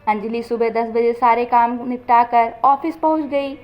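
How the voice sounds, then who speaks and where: A woman narrating a moral story in a steady, plain storytelling manner, in a dull lo-fi recording. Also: on the high side, unhurried.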